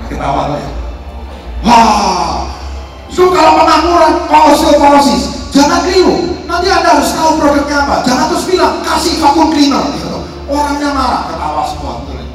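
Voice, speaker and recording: A man giving a motivational stage talk to a crowd, dropping to quiet storytelling and rising to shouted rallying cries. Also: extremely high pitch, very animated, moderate pace. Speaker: motivational speaker. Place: large hall. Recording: echoey hall recorded from far off, music behind.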